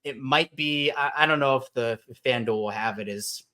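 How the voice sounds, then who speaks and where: A man's voice: mid-range voice, normal speed, bright, forceful tone. Man hosting a casual football podcast. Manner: conversational, thinks aloud with restarts. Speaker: podcast host. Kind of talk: casual sports podcast chat. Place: Baltimore.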